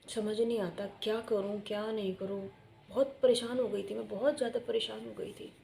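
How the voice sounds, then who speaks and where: A woman's voice: mid-range voice, fairly even intonation, moderate pace, vocal fry, dark tone, slight background noise. A young woman telling a personal story in a chatty, rambling vlog style, repeating herself for emphasis. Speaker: vlogger. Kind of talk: casual storytelling.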